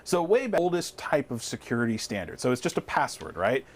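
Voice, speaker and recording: A man's voice: medium pitch, sing-song, fairly quick. A man co-hosting a tech webinar, casually explaining Wi-Fi step by step with frequent restarts. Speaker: webinar co-host.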